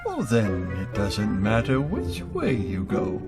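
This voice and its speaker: A slow, swooping Cheshire Cat. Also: deep voice, wildly swooping pitch, loud music behind the voice, heavily acted. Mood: sly, amused. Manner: drawling, meowing, swooping delivery. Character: sly, mad, amused grinning cat. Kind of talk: radio play acting.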